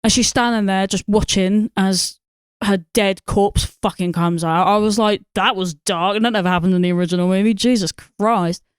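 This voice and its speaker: A woman's voice: medium pitch, steady tone, brisk, clean tone, dry recording, studio quality. A woman, co-hosting a podcast and rambling about a film with lots of swearing, fillers and laughter. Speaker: podcast co-host. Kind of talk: casual film review chat.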